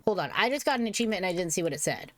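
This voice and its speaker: A young woman streamer at home, giving live game commentary, thinking out loud, animated and swearing freely. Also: fairly low pitch, rapid-fire. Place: home room.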